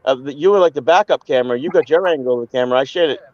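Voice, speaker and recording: As a guest on a live online panel, a man talks bluntly and heatedly in a casual live-stream chat, often stumbling and repeating words. His mid-range voice comes rapid-fire and a little mellow, in a dry, lo-fi recording.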